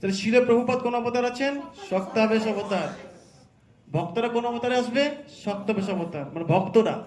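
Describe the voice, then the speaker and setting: This man's high, slightly mellow voice moves at normal speed as he runs an interactive scripture class. He quizzes students and regularly confirms they follow along, and the hall echoes with a crowd present.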